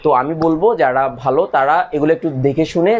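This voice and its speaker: A man's voice: a little high, fairly even intonation, fast talker, muffled recording, a little hiss or hum. A middle-aged man teaching chemistry at a board, repeating points and asking his students questions. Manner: repetitive, coaxing, asks students questions. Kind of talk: lecture explaining units at a board.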